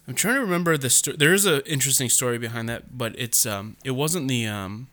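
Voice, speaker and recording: A man's voice: mid-range voice, brisk, sharp tone. A young man co-hosting a casual podcast, telling stories in a chatty way full of "like". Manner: chatty storyteller, heavy use of "like". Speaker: podcast co-host. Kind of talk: casual chat.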